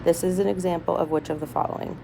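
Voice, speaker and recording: A woman reading multiple-choice test questions aloud item by item in a hospital room, deliberately and with small stumbles. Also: lowish voice, fairly even intonation, creaky, warm tone. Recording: noisy hospital room with background chatter. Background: people talking, ambient noise.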